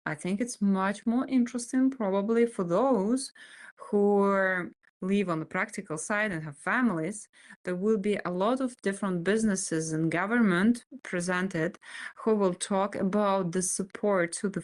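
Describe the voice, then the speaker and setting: A woman's voice: medium pitch, normal speed. A woman with a Russian accent speaking informally as a guest at a seminar.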